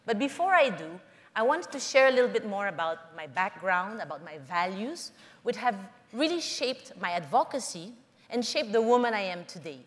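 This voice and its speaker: A middle-aged woman from the Philippines giving an earnest, measured public talk, telling personal stories to an audience. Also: medium pitch, sing-song, in a large hall. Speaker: conference speaker.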